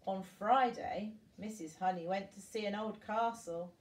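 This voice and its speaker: Reading a storybook to small children, an older woman speaks a little slowly in a medium-pitched voice, expressive as a grandmother at bedtime and slipping in small asides to her audience. The recording is roomy and echoey, with her far from the mic.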